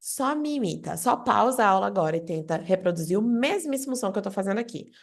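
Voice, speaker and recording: A Brazilian woman giving an online English lesson, speaking directly to the viewer and asking lively questions. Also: mid-range voice, quick pace, gravelly. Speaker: English teacher.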